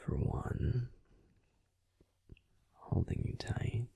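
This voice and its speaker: Speaking very slowly in a gruff, soft whisper with no echo, a man voices a grumpy but tender werewolf boyfriend in a bedtime audio roleplay. He fusses protectively at first, then turns soothing.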